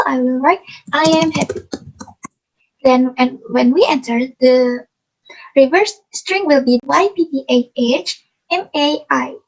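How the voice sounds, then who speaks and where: Young woman, from Indonesia, student presenter, high pitch, halting explanation. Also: a little mellow, poor audio. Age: young adult. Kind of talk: class project presentation.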